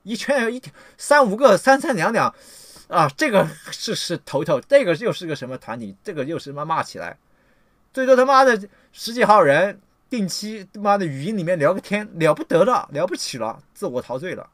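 A man giving a ranting livestream lecture, scolding his audience and swearing often, jumping between loud outbursts and low muttering. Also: big pitch swings, fairly quick, no room sound. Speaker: livestream lecturer on political theory.

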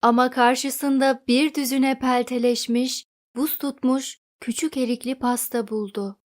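A woman narrating a children's storybook in an expressive read-aloud manner. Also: high-pitched, a little slow.

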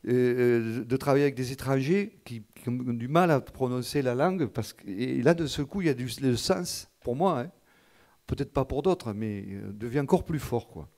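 A man's voice: mid-range voice, darkish tone. A man who is the guest in a live stage conversation, answering in a hesitant way with many false starts. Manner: hesitant, halting, lots of fillers and false starts. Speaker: guest musician. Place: auditorium.

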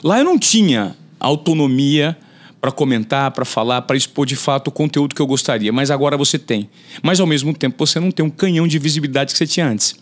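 A journalist in his forties, appearing as a guest on a podcast, speaks fast and animatedly in a conversational interview, gesturing a lot and acting out quotes in a raised voice. He's recorded on a boom-arm mic in a podcast studio with a brick wall.

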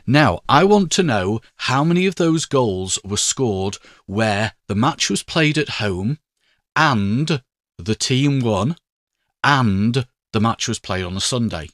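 A man talking through a spreadsheet tutorial in a measured, step-by-step way. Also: medium pitch, animated, fairly bright tone, no echo, studio quality. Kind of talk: screen-recorded tutorial narration.

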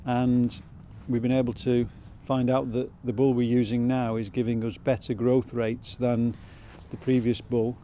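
A man farmer in his fifties, giving measured, matter-of-fact interview answers outdoors in a farmyard. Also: mid-range voice, little pitch movement, warm tone, a little hiss or hum.

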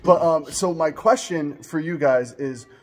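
A man's voice: on the high side, measured pace, faint music behind. A man in his forties co-hosting a casual vlog, chatty and curious, laughing easily, filmed on a phone at arm's length in a small room. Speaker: co-host. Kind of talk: casual chat to camera. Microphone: phone camera at arm's length.

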